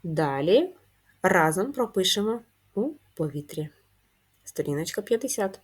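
A woman teaches young children to write a letter. She speaks in a low voice at a very slow, patient pace. She asks questions and answers them herself. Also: very animated, husky. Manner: patient, drawn-out, answers her own questions. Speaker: primary school teacher. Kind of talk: slow, clearly spelled-out handwriting lesson.

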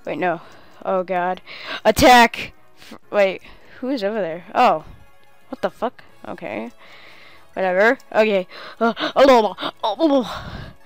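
A woman commentating her own game play, excitable and talking to herself, with cheering outbursts. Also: medium pitch, takes it slowly, no echo, faint music behind. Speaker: gamer playing a game on video.

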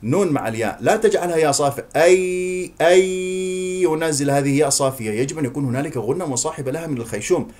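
A man teaching Quran recitation, drawing words out slowly to model them, then explaining quickly and correcting common mistakes. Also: mid-range voice, animated, darkish tone. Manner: corrective, repeats wrong and right forms. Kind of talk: tajweed recitation lesson.

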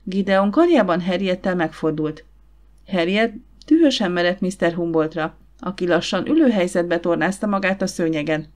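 A woman giving steady, measured audiobook narration. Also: on the low side. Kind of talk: scripted narration.

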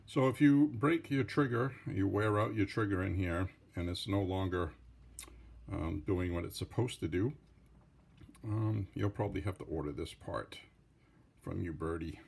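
A man's voice: deep voice, vocal fry, darkish tone, breathy edge. A Franco-American man with a French-Canadian accent, giving a casual hands-on tutorial with rambling, defensive asides. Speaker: hobbyist revolver tinkerer.

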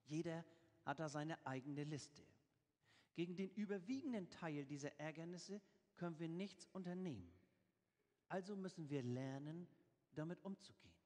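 A man's voice: a little high, expressive, moderate pace, a little mellow. A man preaching a sermon, reading scripture aloud with emphasis and explaining it in plain everyday words. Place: church. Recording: church with long reverb.

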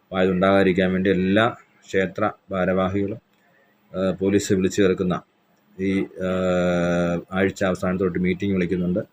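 A police station officer makes a formal announcement in a very deep, flat male voice. He sounds measured and official, pausing on hesitant fillers, with faint hiss in the background.

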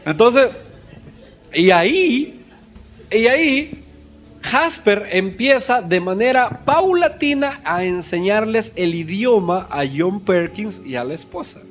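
A male preacher with a high voice tells a story in his sermon and keeps questioning his listeners. Faint music plays softly under his talk. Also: lively intonation, slow pace. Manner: storytelling, asks the congregation questions.

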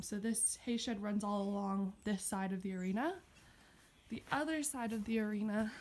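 A young woman in her twenties vlogs a relaxed, cheerful barn tour, phone held out at arm's length, noting features as she moves from the farm outdoors into the barn. Her voice leans high but has a darkish tone. Some faint hiss or hum runs underneath.

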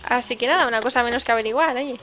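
A woman with a Spain Spanish accent gives casual, chatty gameplay commentary and breaks into sudden excited exclamations. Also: a little high, very fast, soft background music. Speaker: let's-play host.

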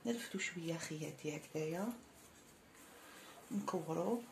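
An Algerian woman with a low voice walks viewers through a traditional recipe in a friendly, chatty way, calling them sisters. A faint hum of room noise sits under her voice. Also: slow, creaky, darkish tone. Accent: Algerian Arabic. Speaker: cooking channel host. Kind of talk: cooking tutorial.

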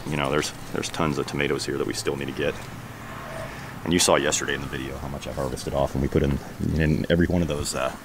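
A homesteading vlogger in his thirties strolls casually through his backyard garden, talking in a relaxed, rambling way full of fillers. His voice is extremely low-pitched, filmed on a handheld camera held at arm's length, with outdoor noise in the background.

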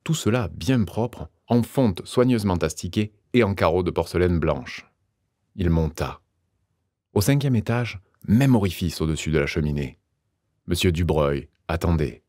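A man narrating an audiobook in a measured, expressive reading. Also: low-pitched, no echo, clean studio sound. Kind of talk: scripted narration.

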